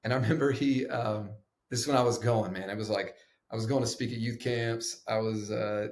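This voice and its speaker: A man, a pastor appearing as a podcast guest, telling a personal story in an animated, emphatic way. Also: on the low side, a little fast, roomy sound. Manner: animated, emphatic, acts out quotes. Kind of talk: conversational storytelling.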